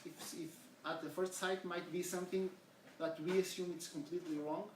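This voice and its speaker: In a high-pitched, level, slightly mellow voice at normal speed, a middle-aged Portuguese man presents as an education researcher. His earnest seminar talk is in English, colored by a Portuguese accent, and includes questions for the audience. Audio comes from far off in an echoey room, under a faint hiss.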